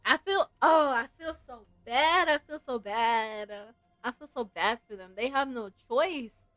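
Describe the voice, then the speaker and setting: This game streamer has a high, slightly bright voice with no room sound, and she takes her time. She muses informally over the gameplay, often saying "like", and reads the story text out while game music plays underneath.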